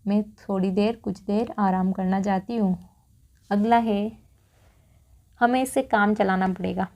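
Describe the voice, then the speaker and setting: Mellow-voiced Indian woman teaching English. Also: mid-range voice, fairly even intonation. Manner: reads each English sentence slowly twice, then explains. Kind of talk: spoken English lesson in Hindi.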